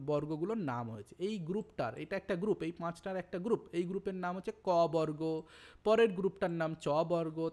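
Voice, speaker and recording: A man's voice: high voice, a little mellow. A middle-aged man teaching grammar for an exam, explaining patiently step by step and repeating key points. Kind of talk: exam-prep grammar lesson.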